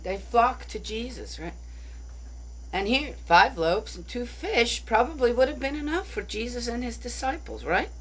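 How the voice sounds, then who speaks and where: Heard on a low-quality recording, a woman with a fairly high voice talks through a bible story. She's a bible study speaker, chatty and rhetorical, thinking aloud and constantly checking in with "right?"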